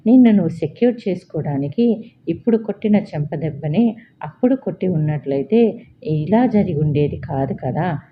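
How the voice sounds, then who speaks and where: A woman's voice: lowish voice, lively intonation, normal speed, a little hiss or hum, close to an everyday voice. A woman voicing a stern young male boss who explains himself insistently, in an audiobook. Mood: angry. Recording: slightly dull lo-fi.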